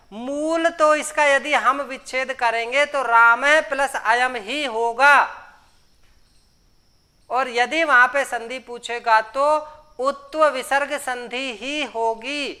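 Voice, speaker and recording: A woman teaches grammar at an unhurried pace, walking through each rule step by step. Her voice is bright, smooth and clear, sitting a little high, and she pauses now and then to ask the class whether it has followed. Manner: explains step by step, often asks the class if it is understood. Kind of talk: classroom lecture.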